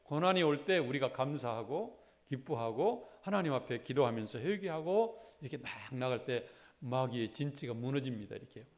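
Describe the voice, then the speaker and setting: A middle-aged man preaching a sermon as pastor of a church, asking the congregation rhetorical questions and swinging between loud exclamations and quiet asides. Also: medium pitch, expressive, normal speed. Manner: rhetorical questions, repeats "이렇게" as a refrain. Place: church sanctuary.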